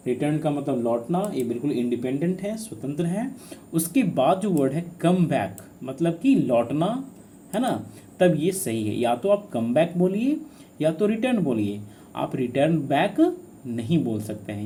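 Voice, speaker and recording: A man teaching a grammar lesson for exam students, with a voice that rises and falls a lot. He keeps asking "what should it be?" and answers it himself, repeating each key word. His tone is mellow, and faint noise sits behind him. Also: a little high. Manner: asks students questions then answers them; repeats key words for emphasis.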